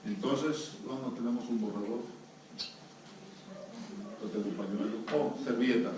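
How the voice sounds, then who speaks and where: A guest pastor with a Salvadoran accent, medium pitch, and moderate pace preaches interactively to a live congregation, using questions and humor. The church hall sounds echoey and noisy through a distant mic.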